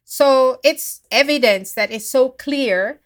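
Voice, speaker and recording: A woman, a guest activist from the Philippines, answering interview questions in an earnest, measured way. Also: sits high.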